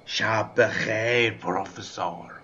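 A man voicing a huge, shaggy male half-giant who is gruff but tender-hearted, speaking earnestly. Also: mid-range voice, expressive, a bit bright. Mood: choked up. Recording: dull lo-fi radio-play recording. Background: faint music.

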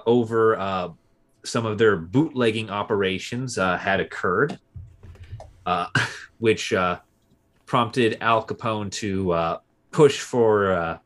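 Low-voiced man, relaxed podcast co-host. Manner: relaxed, many filler uhs. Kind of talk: casual history podcast chat.

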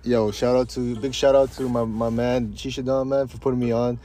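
A man's voice: mid-range voice, level tone, a little fast, mellow, a little hiss or hum. A man with a slight lisp, a barber guest chatting easily on a podcast. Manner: easygoing, agreeable, slight lisp. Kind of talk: casual podcast chat.

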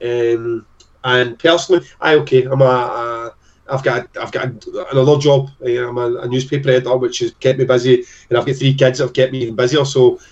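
A man with a broad, thick Scottish accent from Glasgow, chatting in an excitable way as an interview guest. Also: mid-range voice, a little fast, recorded from a distance, lo-fi sound. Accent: broad Glaswegian Scottish. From Scotland. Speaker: podcast guest, festival promoter. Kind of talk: casual interview chat.

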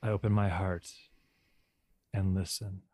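A man leading a guided meditation in a hushed, slow voice, repeating calm affirmations. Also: low-pitched, no echo.

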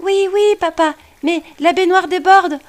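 A woman voicing an excited, wide-eyed little boy with a very high, eager voice. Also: a little slow.

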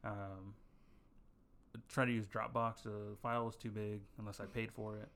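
A man's voice: on the low side, little pitch movement, moderate pace, gravelly, fairly bright tone. A young man co-hosting a podcast, telling a long story in casual chat with many fillers and restarts. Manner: rambling, filler-heavy storytelling. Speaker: podcast co-host.

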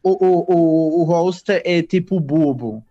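A man talks in a fairly high voice over a slightly dull, lo-fi recording. His chat is casual and slangy, full of restarts as he tells anecdotes. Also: slow, mellow, faint music behind. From Madeira, Portugal. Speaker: stand-up comedian. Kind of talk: casual conversation.

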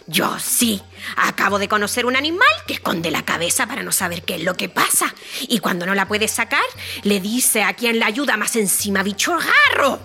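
A bewildered little creature fresh from an egg, puzzled and quick to take offence at being called strange, as a woman puts it on. The voice is bright and lifted, swinging up in surprise, with soft music faint behind it in a storybook reading. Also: medium pitch, exaggerated voice. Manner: puzzled, indignant, earnest. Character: lost, bewildered creature fallen from the sky.

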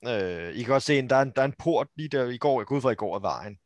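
A man's voice: medium pitch, animated, no room sound. A man running a tabletop role-playing game, describing the scene with many hesitations and restarts. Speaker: game master.

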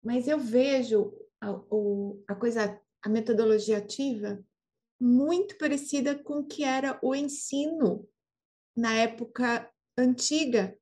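A woman with a slightly raised pitch reflects aloud in easygoing podcast talk. She pauses to hunt for words and builds her ideas up piece by piece. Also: dark tone. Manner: thoughtful, searching for words. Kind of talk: casual podcast chat.

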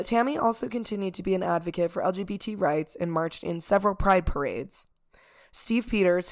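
A woman co-hosting a podcast in casual chat, speaking informally with a hoarse voice. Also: lowish voice. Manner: informal, peppers talk with "like" and "y'all". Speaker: podcast co-host.

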